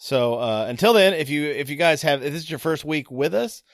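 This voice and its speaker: A man's voice: fairly high pitch, animated, a little fast, dry recording, clean studio sound. A man co-hosting a casual movie podcast, playful and rambling with jokes. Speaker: podcast co-host.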